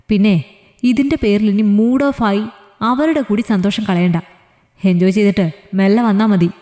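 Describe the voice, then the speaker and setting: A woman's voice: mid-range voice, dark tone, close to an everyday voice. A woman storyteller voicing a strict young woman who scolds and teases her fiancé. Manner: scolding, teasing. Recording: reverberant echoey room.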